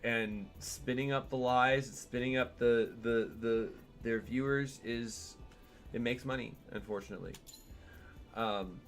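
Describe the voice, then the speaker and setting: A man's voice: mid-range voice, fairly even intonation, a little slow, faint music behind. A man streaming a game from home, chatting in a digressive way and talking to his cat as he plays. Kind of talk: casual gameplay stream commentary.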